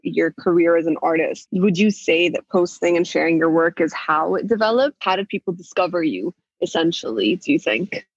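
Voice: mid-range voice, moderate pace, few pauses, no room sound. A host asking interview questions in a curious, chatty, encouraging way. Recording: dull, lo-fi, husky sound.

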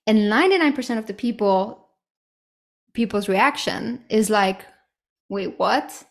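Her voice is a little high, a little slow and gravelly. In her thirties, she muses alone on her podcast with casual candor, occasional profanity and frequent fillers like "like" and "right?".

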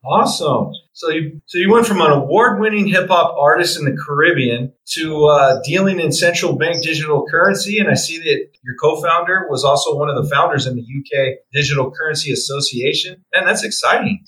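Man, podcast host, fairly high pitch, upbeat, casual interview questions. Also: fairly quick, hardly any pauses, bright, forceful tone, low-quality recording.

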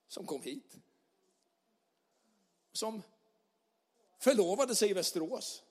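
A man preaching a lively sermon as pastor, moving from loud shouts down to soft, quiet lines. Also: high-pitched. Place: church hall. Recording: long hall reverb.

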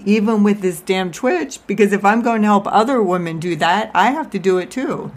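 A woman life coach giving an informal, confessional personal monologue, talking out of one side of her mouth with a self-deprecating manner. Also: fairly low pitch. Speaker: life coach and podcast host.

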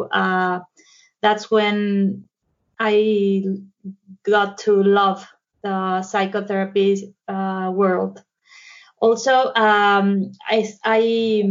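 Slow woman, flat delivery. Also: mid-range voice. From Mexico. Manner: hesitant, many fillers and restarts. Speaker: guest, psychotherapist and art therapist. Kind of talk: casual interview talk in a second language. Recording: dull lo-fi sound.

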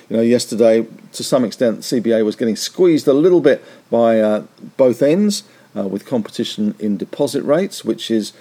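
A man hosting a market podcast, delivering rapid market news with figures in a chatty, wry way. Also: mid-range voice, warm tone.

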